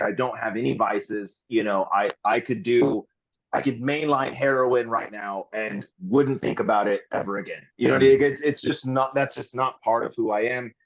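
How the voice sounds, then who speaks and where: A man's voice: medium pitch, gravelly, lo-fi sound. A man guesting on a podcast, talking candidly and earnestly in long rambling runs with frequent restarts.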